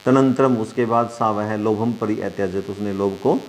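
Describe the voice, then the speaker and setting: A man's voice: fairly low pitch, moderate pace, darkish tone, a little hiss or hum. Man translating Sanskrit lines for pupils. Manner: reads a line then translates it phrase by phrase; addresses students as dear children. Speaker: Sanskrit teacher. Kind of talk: online class, reading and translating a lesson.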